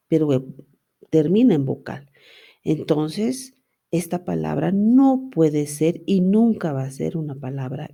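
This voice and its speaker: A middle-aged woman lectures on spelling in a low voice with a gravelly edge. She talks slowly and patiently, poses rhetorical questions and answers them herself. Her tone is dark and a little husky. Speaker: university language teacher. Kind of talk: lecture reviewing student assignments.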